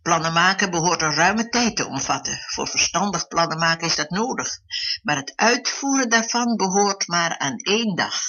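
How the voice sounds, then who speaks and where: A preacher giving an earnest devotional talk, slowing down to stress key phrases. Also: mid-range voice, lively intonation, bright, forceful tone, breathy edge. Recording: dull lo-fi recording.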